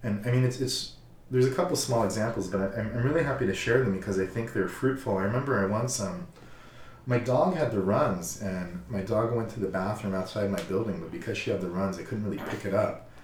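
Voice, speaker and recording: Calm male counselor, low voice, reflective and halting; roomy, slightly distant sound. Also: slight background noise. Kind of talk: casual personal storytelling.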